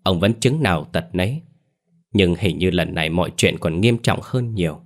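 A man voicing a stern, knowing male spirit master who speaks in a measured way in a spoken ghost story. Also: low voice, expressive. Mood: stern calm.

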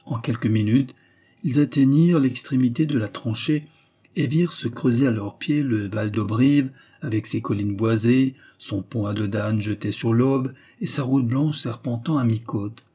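Dark, husky male audiobook narrator. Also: medium pitch, normal speed.

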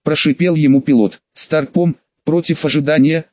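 A man narrating an audiobook in lively scripted storytelling. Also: fairly high pitch, moderate pace, no echo, highs cut off.

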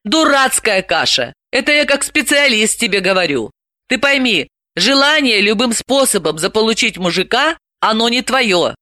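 A woman reading an audiobook, voicing a tired, measured woman psychologist in her thirties. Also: a little high, lively intonation, sharp tone, dry recording, voice pushed up. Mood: calm.

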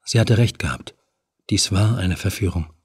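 A man narrating a horror audiobook in a measured, even storytelling manner. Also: low voice, husky, no echo, studio quality.

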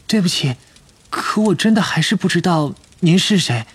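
A man putting on a bewildered eleven-year-old boy with a high, slightly husky voice. He sounds hesitant and apologetic, a storybook child out of his depth. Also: lively intonation, moderate pace, exaggerated voice.

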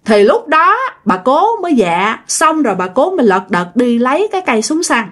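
A woman's voice: a little high, big pitch swings, fairly quick. Woman telling a ghost story, chatty, voice bounces up and down. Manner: chatty, folksy, addresses the listener.

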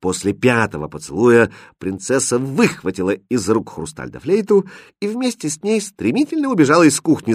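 A man narrating a fairy tale in an expressive storybook reading. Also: medium pitch, slightly rough, no echo, studio quality. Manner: expressive, acting out voices.

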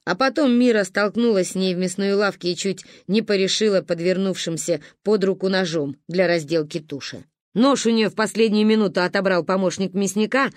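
A woman's voice: medium pitch, no room sound, clean studio sound, lightly acted. Woman doing a caustic old grandmother. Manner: caustic, cutting. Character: sharp-tongued old grandmother, sarcastic and imperious.

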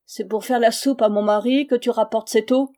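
A woman's voice: lively intonation, moderate pace, warm tone, lightly acted. A woman reading a spiteful, raging peasant wife. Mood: mocking. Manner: shrill, taunting and raging. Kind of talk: audiobook character reading.

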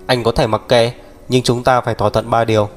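A protective, bossy older brother, voiced by a male narrator in his own mid-range voice. He speaks firmly, as if laying down rules. Soft music runs underneath. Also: mid-range voice, level tone, quick pace, natural voice. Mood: lecturing. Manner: firm, lecturing.

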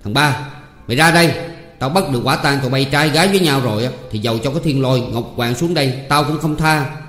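A man's voice: mid-range voice, fairly quick, voice pushed up, natural voice. A man doing a blustering young master. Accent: Southern Vietnamese. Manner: shouting, threatening. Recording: echoey hall with faint music.

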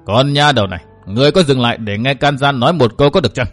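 A man voicing a stubborn, boastful old martial-arts master who talks loud and blunt. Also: mid-range voice, very fast, soft background music, lightly acted. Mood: coaxing. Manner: loud, gruff and brusque.

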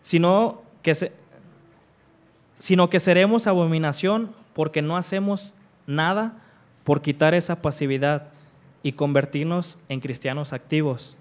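A man delivering a sermon, his voice pitched a little high and smooth, with a clean, resonant tone. He drives home each repeated refrain with rising force. When he reads scripture, he slows into deliberate, measured pauses. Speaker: preacher.

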